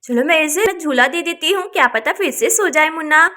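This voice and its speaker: A woman's voice: high-pitched, animated, moderate pace, sharp tone. A woman voicing a young village woman who frets and pleads while minding her sister's baby in a doll story. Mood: fretful. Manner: fretful, pleading.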